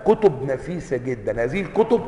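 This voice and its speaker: A man with an Egyptian accent teaching a religious lesson in an animated way, often asking his students rhetorical questions. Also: mid-range voice, fast talker. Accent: Egyptian Arabic. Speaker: sheikh teaching hadith sciences. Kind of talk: classroom lecture. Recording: echoey hall reverb.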